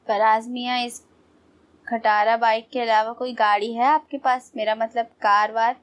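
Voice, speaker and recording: A woman narrator voicing a sharp-tongued, prying middle-aged mother in a storybook. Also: fairly high pitch, level tone, close to an everyday voice. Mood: needling. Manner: needling, sarcastic.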